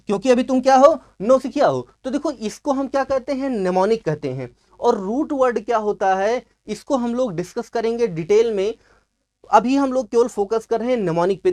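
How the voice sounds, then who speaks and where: A man's voice: extremely high pitch, a little mellow. A man teaching English vocabulary in an exam-prep lecture, asking questions and answering them himself and stretching out key words for emphasis.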